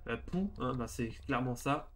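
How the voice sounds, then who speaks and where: A man's voice: mid-range voice, lively intonation, moderate pace, fairly bright tone. A young man streaming a horror game, reacting in informal, slangy, joking commentary. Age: young adult.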